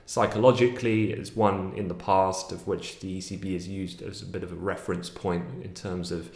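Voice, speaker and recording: A man's voice: low-pitched, level tone, moderate pace, a little mellow, roomy sound. A man, giving fluent, analytical daily market commentary with frequent fillers from a small home office, recorded on a webcam at his desk.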